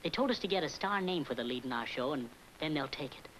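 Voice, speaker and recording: A woman's voice: sits low, lively intonation, fast talker, a bit bright, low-quality recording. A young woman playing an earnest niece who asks her aunt to star in a show, in an old film. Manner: earnest, pleading. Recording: old film soundtrack with hiss.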